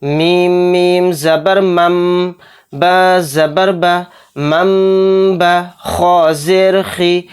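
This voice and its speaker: A patient recitation teacher spells out syllables one by one in a smooth, clean voice at an unhurried pace. The teacher breaks off into brisk asides to explain each rule, often asking a question and answering it. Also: medium pitch, steady tone. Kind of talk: step-by-step spelling and recitation lesson.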